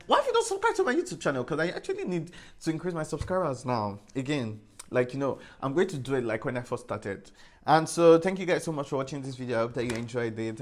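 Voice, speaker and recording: A young man, a beauty influencer chatting casually while he does his makeup, sassy and full of "like" and "period". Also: mid-range voice.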